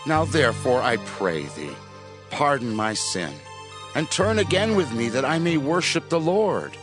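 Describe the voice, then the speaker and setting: A man's voice: mid-range voice, very animated, unhurried, over music. A man playing a proud king of ancient Israel in a dramatized scripture reading, emphatic and self-justifying. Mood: pleading.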